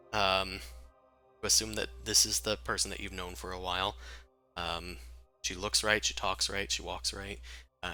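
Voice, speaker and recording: Low, bright-voiced male game master. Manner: halting, informal. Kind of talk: casual tabletop game narration.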